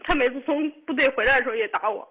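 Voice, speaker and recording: A woman of twenty-two calling a radio show, upset and tearful, speaking in halting, repetitive bursts. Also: sits high, pushed and bright, slightly rough, highs cut off. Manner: halting, repetitive, restarts often. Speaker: caller. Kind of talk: radio call-in.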